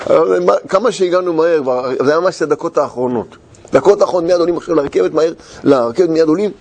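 Gravelly man telling a lively story. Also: a little high. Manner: animated, laughs through his own anecdote; halting, many restarts and searching for words. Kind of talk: casual personal storytelling.

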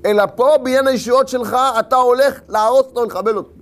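A man's voice: very high voice, steady tone, faint music behind. A man giving a Torah lesson, telling the story with rhetorical questions and repeated phrases. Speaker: Torah teacher.

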